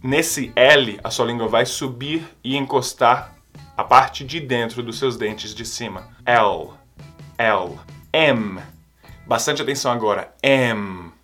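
A man's voice: mid-range voice, a bit bright. A Brazilian man teaching English pronunciation, patiently repeating each sound for the listener to copy. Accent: Brazilian Portuguese. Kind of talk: language lesson.

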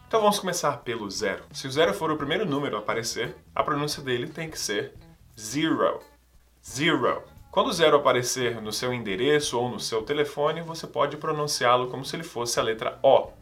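A man teaching English numbers, drilling words with energetic emphasis and repetition. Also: medium pitch, fast talker, hardly any pauses, soft background music. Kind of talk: language lesson.

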